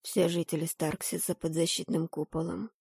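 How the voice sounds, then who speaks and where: A woman voicing a grim masked man in a cloak who speaks in a hushed, lifeless rustle, slowly and with few words. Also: on the low side, level tone, gravelly, husky, no echo, studio quality, voice pushed down. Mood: somber. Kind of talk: audiobook character voice.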